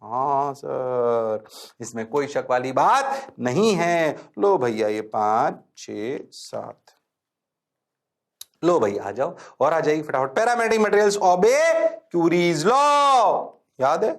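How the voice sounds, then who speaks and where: A man's voice: on the high side, very animated. A male physics teacher quizzing students. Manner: asks students frequent check questions, urges them to write fast. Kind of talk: classroom lecture mixing Hindi and English.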